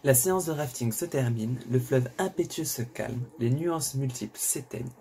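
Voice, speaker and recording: Man reading a thriller with dark, mellow tone. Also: mid-range voice, normal speed, creaky, slight background noise. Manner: expressive, swings between narration and outbursts. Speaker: reader of a thriller. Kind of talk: dramatic first-person reading.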